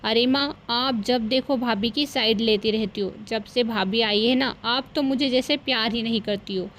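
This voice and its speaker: A woman's voice: a little high, moderate pace, a bit bright, a little hiss or hum, lightly acted. A woman voicing a jealous young sister-in-law who scolds and complains in a cartoon story. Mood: angry.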